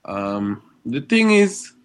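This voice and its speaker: A man's voice: medium pitch, sing-song, slow, clear, resonant tone. A young man, a reggae and dancehall artist, answering interview questions in a laid-back way with frequent "you know" and "you understand" tags. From Guadeloupe and Switzerland.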